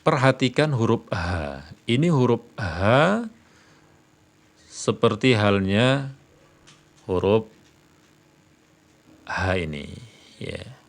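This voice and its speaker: Slow low-voiced man teaching recitation. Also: animated. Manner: repeats "ya" often, drawls verses slowly. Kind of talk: explanatory religious lesson.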